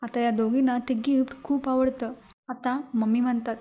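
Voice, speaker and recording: A woman narrating a recap of a TV serial episode as a steady voice-over. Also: a little high, normal speed.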